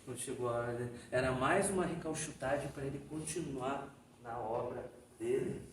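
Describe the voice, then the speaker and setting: A man with a Brazilian accent giving a Spiritist lecture, telling stories in a lively, folksy way and often tagging his sentences with a question. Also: mid-range voice, moderate pace. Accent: Brazilian Portuguese. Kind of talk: storytelling lecture. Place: Spiritist society hall. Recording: echoey hall, distant mic, faint noise.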